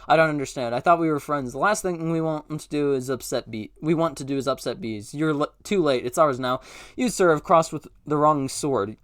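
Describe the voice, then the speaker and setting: A man races through a film script aloud, stumbling over words and correcting himself as he goes. His voice sits a little high for a man. The sound is dry and close, with no room echo. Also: fairly quick, hardly any pauses. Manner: stumbling, self-correcting, breathless. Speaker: script reader. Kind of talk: rapid comedic script read-through.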